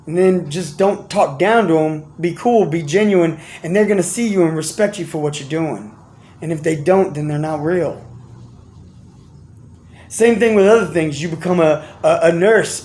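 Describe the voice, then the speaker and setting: A man talking casually and earnestly to his viewers, giving motivational advice in slangy, repetitive speech with frequent restarts. He swings between animated bursts and low, quiet asides. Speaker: vlogger giving life and business advice. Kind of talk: casual motivational monologue to camera.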